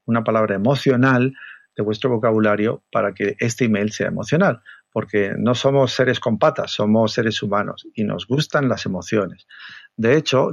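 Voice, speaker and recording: A man with an accent from Spain, a communication trainer being interviewed, explaining in a lively way and acting out example voices. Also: medium pitch, creaky, dry recording, highs cut off. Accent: Spain Spanish. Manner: animated, acts out example voices.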